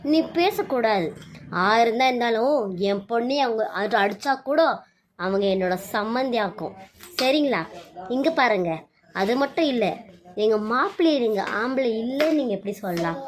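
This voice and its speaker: A woman's voice: fairly high pitch, close to an everyday voice. A woman voicing an indignant middle-aged mother who sternly defends her daughter. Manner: stern, scolding.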